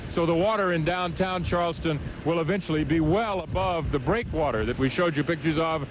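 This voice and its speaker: A man reporting live from outdoors in a storm, halting and raising his voice over the wind. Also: on the high side. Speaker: field reporter. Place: outdoors in a hurricane. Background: loud outdoor storm ambience.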